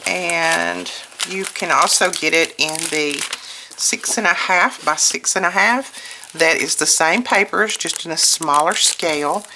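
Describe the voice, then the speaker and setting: In her relaxed craft product showcase, the host speaks in a hoarse voice on the low side, a lingering effect of illness, as she chats her way through each piece she picks up. Crinkling paper and packaging plus clicks come through clearly behind her.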